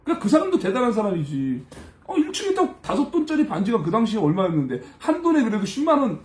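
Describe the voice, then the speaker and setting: Animated man telling stories in an echoey room. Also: high-pitched, fast, slight background noise. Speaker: live stream speaker giving a life testimony. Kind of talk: casual personal storytelling.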